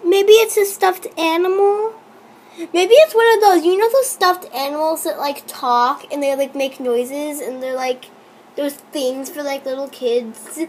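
Young woman, high voice, unhurried delivery, teasing and exasperated as she reacts to a phone game; faint background noise. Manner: excitable, teasing, exasperated running commentary. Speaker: YouTuber playing a chat-story app. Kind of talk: reacting while reading a texting game aloud.

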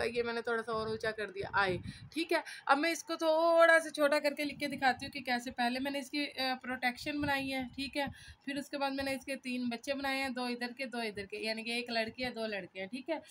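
A woman's voice: sits high, a bit bright, slight background noise. A woman studying at home who talks through her own notes in a casual, chatty way, often checking in with listeners and thinking aloud. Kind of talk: casual self-made lesson, explaining while writing characters. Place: cluttered room at home.

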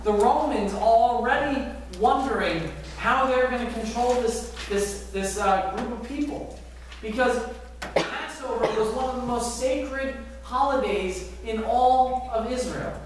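A middle-aged man preaching a sermon as pastor, animated, asking the congregation rhetorical questions. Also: very high voice, a little slow, noisy background. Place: large church sanctuary, indoors. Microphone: far camera at back of church. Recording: very echoey sanctuary from far off.

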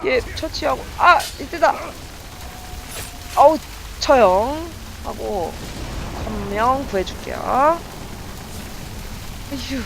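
A woman streamer giving let's play commentary, excitable and talking to her viewers as she plays. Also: high-pitched, extremely slow, creaky, long pauses, noisy background. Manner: excitable, talks to viewers while playing. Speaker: game streamer.

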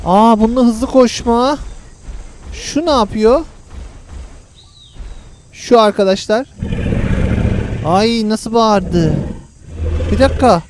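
A man hosting a gaming channel, giving chatty, excitable play-by-play commentary to his viewers and teasing the friend playing with him. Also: very high voice, a little hiss or hum.

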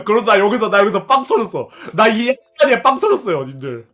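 A man's voice: high voice, sing-song, brisk, a bit bright, faint music behind. A young man streamer casually telling a story to his viewers, laughing often, repeating himself and swearing along the way.

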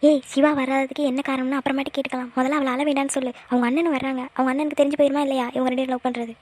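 A woman's voice: sits high, little pitch movement, racing, darkish tone. A woman voicing a tearful young female college student in a cartoon, emotional and pleading. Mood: urgent. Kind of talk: cartoon voice acting.

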